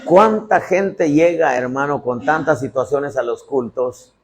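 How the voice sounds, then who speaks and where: A man preaching a sermon as pastor, acting out dialogues and bursting into shouts. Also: medium pitch, unhurried, a little hiss or hum.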